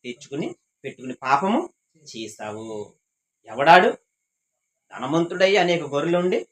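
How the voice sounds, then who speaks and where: A man's voice: medium pitch, fairly bright tone, low-quality recording. A man leading a Bible class, repeating his points and quizzing the class with questions. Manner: repetitive, asks the class questions.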